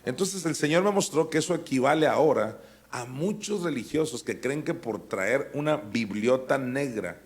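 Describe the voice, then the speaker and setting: A man teaching the Bible verse by verse. He talks in a conversational way, asks his listeners questions and rises to emphatic peaks. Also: mid-range voice. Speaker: apostle teaching a Bible school.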